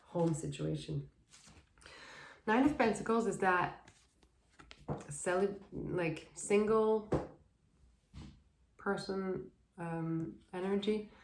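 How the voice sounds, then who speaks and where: A woman giving a casual, meandering tarot reading, soft and dreamy, often laughing. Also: on the low side, reverberant. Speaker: tarot reader.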